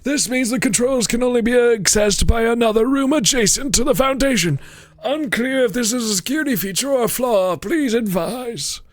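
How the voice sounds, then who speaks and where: A man's voice: very high voice, normal speed, no echo, studio quality, voice pushed up. A man putting on an old man's voice to read a formal memo aloud.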